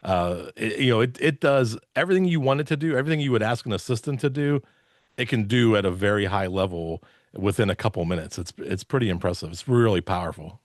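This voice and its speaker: A man's voice: lowish voice, expressive, quick pace, no room sound, studio quality. A man speaking as a podcast guest, explaining things casually and enthusiastically with punchy emphasis. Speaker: podcast guest, podcast theater owner. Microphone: video call, close dry mic.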